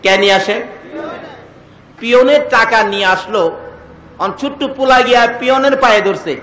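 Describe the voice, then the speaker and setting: Man, sermon preacher, sing-song, loud calls and hushed lines, bright tone, echoey loudspeaker hall. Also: very high-pitched, moderate pace. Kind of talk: Bengali waz sermon.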